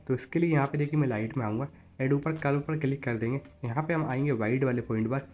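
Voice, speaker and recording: A man's voice: medium pitch, a little mellow. A man hosting a phone photo editing tutorial, talking viewers through each step in a casual, chatty way. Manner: casual and chatty, calls viewers "buddy" (यार); instructive, repeatedly tells viewers to look. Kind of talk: step-by-step app tutorial narration.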